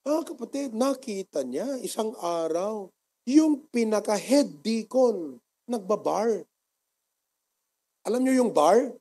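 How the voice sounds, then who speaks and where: A man with a Filipino accent, a pastor preaching a sermon and telling a story, mixing two languages, with loud bursts and quiet asides. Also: sits high, takes it slowly, long pauses, husky. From Philippines. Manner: storytelling, mixing Tagalog and English, lively bursts then soft asides.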